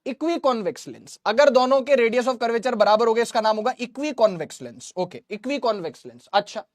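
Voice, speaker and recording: A man's voice: very high voice, animated, brisk, no echo. Male physics teacher, live online class, joking and playful, repeats terms as questions, dry close recording. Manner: playful, joking with viewers' comments; drills terms by call and response. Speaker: physics teacher for exam students.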